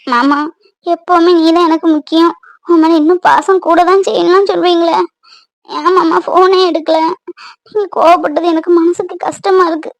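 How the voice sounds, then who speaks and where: A woman's voice: very high-pitched, fairly even intonation, moderate pace, no echo. Woman voicing a pleading young mother. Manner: pleading, soft and emotional. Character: young married mother, tender and worried.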